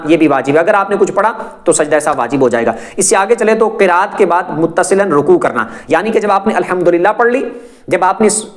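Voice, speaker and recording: A man giving a methodical religious lesson, explaining step by step and often checking in with his listeners. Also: sits high. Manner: methodical, repeats points with frequent check-ins. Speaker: religious teacher.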